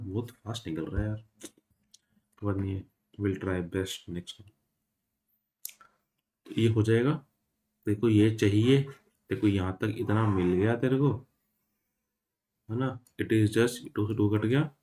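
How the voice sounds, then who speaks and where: Chatty young maths tutor, lowish voice. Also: male voice, a little mellow. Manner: chatty, informal, mixes Hindi and English, apologetic about mistakes. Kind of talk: casual exam-revision lesson.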